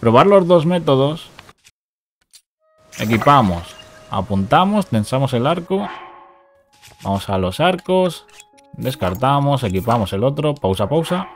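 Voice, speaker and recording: A man's voice: medium pitch, very animated, unhurried, pauses often, faint music behind. Man narrating a game glitch. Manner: talks through steps, repeats short commands. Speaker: gaming youtuber. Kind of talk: casual game tutorial commentary.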